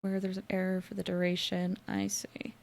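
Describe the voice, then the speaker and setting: A game streamer rambles and thinks aloud during casual live commentary, her fairly low voice monotone, creaky and a little mellow at a moderate pace. Video game music plays behind her.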